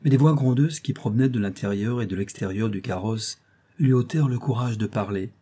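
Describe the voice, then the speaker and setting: A man narrating a classic tale as an audiobook reader, in a measured storytelling delivery. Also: lowish voice, warm tone, slightly rough. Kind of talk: scripted narration.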